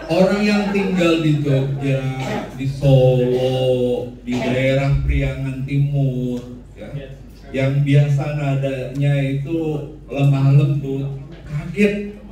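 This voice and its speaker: A man's voice: medium pitch, steady tone, slow, a crowd in the background. A man teaching a class, joking and asking the room questions. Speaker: instructor. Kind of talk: classroom lecture with audience questions. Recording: echoey room, voice from far off the mic.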